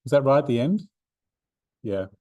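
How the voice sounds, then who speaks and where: A man's voice: medium pitch, lively intonation, moderate pace, a little mellow, no echo, muffled recording. A man giving a revision seminar to statistics students, talking casually with many ums and restarts. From Australia. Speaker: maths tutor. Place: university classroom.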